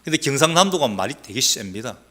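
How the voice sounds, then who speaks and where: A male pastor with a mixed Gyeongsang accent preaching a sermon, teasing the congregation with questions and swinging between loud exhortation and quiet asides. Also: very animated, quick pace. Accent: Gyeongsang Korean, mixed. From South Gyeongsang, Korea. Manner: emphatic, rising to loud exhortation, then dropping low.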